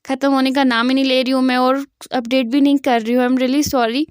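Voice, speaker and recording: A woman's voice: sits high, flat delivery, fairly quick, smooth, no room sound, studio quality. A woman retelling a fan fiction story in a chatty, casual way, full of fillers.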